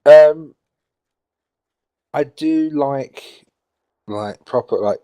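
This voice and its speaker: A man's voice: a little high, drawn-out words, mellow, dry recording. A British man co-hosting a gaming show, chatting casually in a rambling, teasing way. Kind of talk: casual banter over gameplay.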